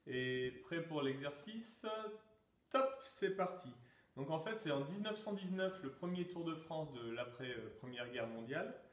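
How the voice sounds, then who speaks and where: A man's voice: fairly high pitch, lively intonation, normal speed, hardly any pauses. A man running a quiz and exercise session as a teacher, reading out answer choices and calling out the start of each exercise. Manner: announcing questions, calling out "top!" to start exercises. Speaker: sports teacher. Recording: echoey room, mic far off.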